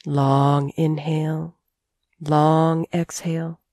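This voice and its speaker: In this guided sleep meditation, a female teacher speaks low and mellow, calm and soothing, with measured phrasing broken by long pauses. It's captured very close and dry, without any room sound.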